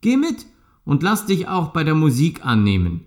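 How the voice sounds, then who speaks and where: A man reading a fairy tale, voicing a sensible male donkey who talks briskly and persuasively. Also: a little high, huge pitch swings. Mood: überredend.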